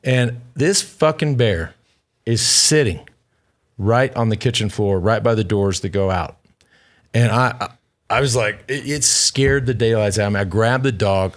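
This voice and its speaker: Low-voiced man telling a wild story. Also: moderate pace. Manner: animated, profane, rambling with many restarts. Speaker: podcast co-host. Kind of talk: casual storytelling chat.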